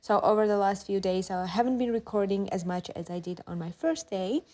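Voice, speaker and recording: A woman's voice: mid-range voice, a little fast, a little mellow. A young woman travel vlogger, chatty and self-amused, narrating a mountain hike and chatting with people she meets. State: out of breath at times. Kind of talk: vlog narration and chat while hiking. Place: mountain trail outdoors and guest house.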